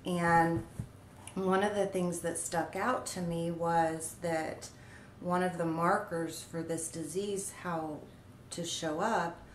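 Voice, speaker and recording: A woman in her forties telling a personal family story to her channel, halting with many pauses and fillers. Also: lowish voice, reverberant, a little hiss or hum. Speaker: vlogger. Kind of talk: personal story told on camera.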